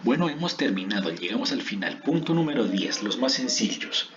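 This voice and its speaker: A man teaching a lesson on poetic meter, counting syllables aloud in a slow, drawn-out way and often restarting his phrases. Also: mid-range voice, very animated, fairly bright tone, dull audio, a little hiss or hum.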